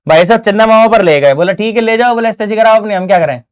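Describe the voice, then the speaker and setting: A man's voice: high-pitched, quick pace, clear, resonant tone. Male physics tutor, casual and slangy, speaks straight to the students in a studio lesson. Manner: chatty, slangy, keeps asking "है ना?". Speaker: physics teacher. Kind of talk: casual online exam-prep lesson. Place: small closed studio.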